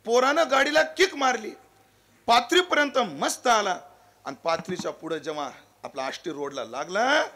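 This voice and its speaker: A man preaching a devotional kirtan, telling folksy, humorous stories and slowly chanting verses. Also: high-pitched, lively intonation. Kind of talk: devotional storytelling sermon. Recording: live kirtan with loud music.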